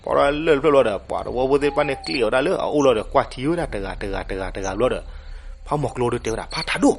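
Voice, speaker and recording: A man narrating a folk legend, animated and switching voices for the characters. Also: mid-range voice, very fast, vocal fry. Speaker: storyteller. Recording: noisy recording with crickets behind.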